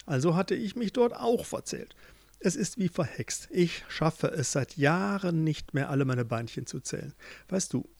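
A man's voice: on the high side, expressive, normal speed, gravelly, darkish tone, no echo. A man voicing a cheerful, scatterbrained female millipede who rambles and loses count. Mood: rambling. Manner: chirpy, distracted, rambling.

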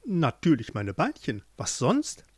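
A man's voice: a little high, wildly swooping pitch, a little slow, breathy edge, dry recording, full character voice. A man voicing a cheerful, scatterbrained female millipede who rambles and loses count. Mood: rambling. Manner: chirpy, distracted, rambling.

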